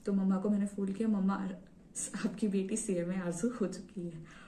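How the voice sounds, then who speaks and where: A woman's voice: medium pitch, steady tone, mellow, slight background noise. Eager young woman, roomy and distant. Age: young adult. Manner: eager, quick retelling with many fillers. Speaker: vlogger sharing her exam story. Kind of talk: casual personal storytelling. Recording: roomy echo, set back from the mic.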